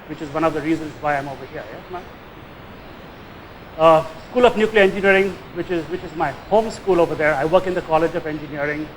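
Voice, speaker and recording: A man's voice: on the high side, background noise. An older man from India with a Tamil accent gives an informal lecture, conversationally tagging his phrases with "eh?" or "yeah?". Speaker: guest lecturer, nuclear engineering professor.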